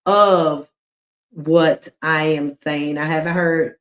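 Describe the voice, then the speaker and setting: This livestreaming woman has a deep voice and fairly even intonation. Her casual commentary is aimed right at her viewers, and she talks slowly, stretching out her words.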